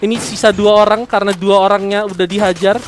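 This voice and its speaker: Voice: mid-range voice, fairly even intonation, fast talker, noisy background. An Indonesian esports commentator calls the action like a fighting game announcer. The delivery is dramatic and swells on key moments. Gunfire and clicks from the game sit faintly behind the voice. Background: game gunshots and clicks.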